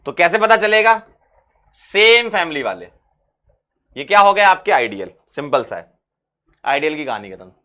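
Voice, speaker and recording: A male chemistry teacher with a bright, forceful voice that sits a little high. He talks in a lively way, repeats his key phrases, and asks questions that he answers himself. The lesson is for exam preparation. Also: fairly quick.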